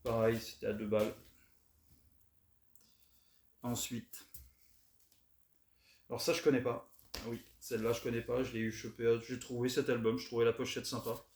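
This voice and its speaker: A man chatting casually as he shows off his record finds, relaxed and hesitant with many fillers. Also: medium pitch, normal speed, long pauses. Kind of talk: casual unboxing chat. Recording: roomy echo, faint noise.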